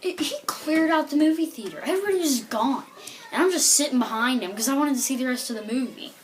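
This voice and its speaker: A woman's voice: high-pitched, lively intonation, fast, slight background noise. A woman telling a rambling stand-up comedy story, full of filler words like "like" and "you know".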